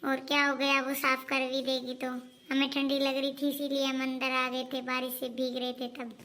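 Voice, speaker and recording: A woman playing a jealous, sharp-tongued elder daughter-in-law, sulky and sarcastic. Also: sits high, monotone, normal speed. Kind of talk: homemade family skit.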